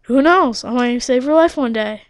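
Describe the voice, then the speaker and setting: A woman voicing a small flea in a storybook, talking fast and bargaining persuasively. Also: high-pitched, clear, resonant tone, close to an everyday voice. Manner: rapid, wheedling bargaining. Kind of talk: storybook read-aloud.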